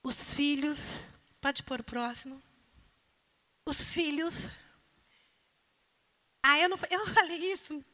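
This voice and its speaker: A woman's voice: high voice, takes it slowly, long pauses, pushed and bright. A woman preacher delivering a sermon, pressing the congregation with emphatic rhetorical questions.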